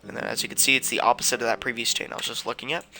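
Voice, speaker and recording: A man's voice: mid-range voice, little pitch movement, racing, gravelly, bright, forceful tone. A young man casually walking through a gaming tutorial, rambling with lots of fillers and sounding out of breath. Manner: rambling, filler-heavy, informal. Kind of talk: casual screen-recorded tutorial.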